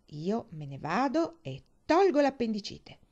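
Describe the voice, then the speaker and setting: A woman's voice: lowish voice, big pitch swings, moderate pace, warm tone, breathy edge, highs cut off, exaggerated voice. A woman reading aloud voices an earnest small boy who talks solemnly and half in a whisper.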